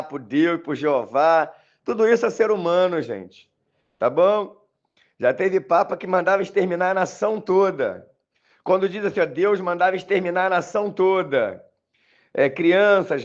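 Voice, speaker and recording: Insistent high-pitched Brazilian man. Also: dull audio. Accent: Brazilian Portuguese. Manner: repetitive, insistent, addresses listeners as "gente". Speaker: religious commentator. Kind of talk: voice message monologue.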